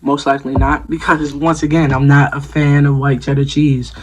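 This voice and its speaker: A man casually reviewing fast food for his vlog, easygoing and repetitive, with frequent ums. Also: mid-range voice, level tone, slight background noise, poor audio. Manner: easygoing, repeats himself, lots of ums and "me personally".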